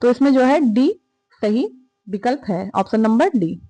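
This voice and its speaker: A woman's voice: on the high side, expressive, moderate pace, mellow, no room sound. A woman teaching an exam prep lesson, repeating each answer and quizzing her listeners aloud. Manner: repetitive, drilling questions and answers aloud.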